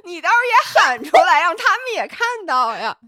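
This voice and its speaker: A woman's voice: very high-pitched, sing-song, fairly quick, pushed and bright, no echo, clean studio sound. A woman podcast co-host chatting casually, teasing and playful. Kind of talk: casual chat.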